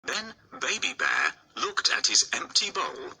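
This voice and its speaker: A man reading a classic fairy tale aloud for children, in an expressive, sing-song storytelling manner. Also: fairly high pitch, a little slow, gravelly, breathy edge, low-quality recording.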